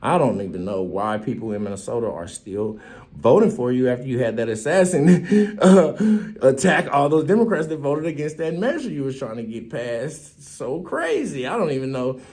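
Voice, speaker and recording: Lively joking man commentator. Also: normal speed. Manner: loose, joking, laughs often, swings up high when mocking. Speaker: show host. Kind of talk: casual political commentary.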